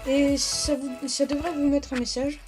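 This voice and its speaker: A woman hosting a step-by-step phone app tutorial, talking in a halting way and often correcting herself mid-sentence. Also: sits high, level tone. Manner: halting, self-correcting delivery. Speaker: tech tutorial host. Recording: background music under the voice. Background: music.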